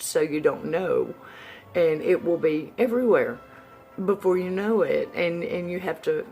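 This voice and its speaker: Slow-talking woman with whistling sibilants. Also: sits low. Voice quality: whistling sibilants from new dentures. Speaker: vlogger. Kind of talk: casual personal update to viewers.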